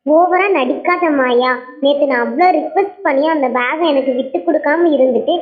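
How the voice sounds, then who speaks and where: Lady doing a snippy jealous schoolgirl doll in a toy doll show, high squeaky voice, taunting and scornful, tinny phone-ish sound. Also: a little fast, natural voice.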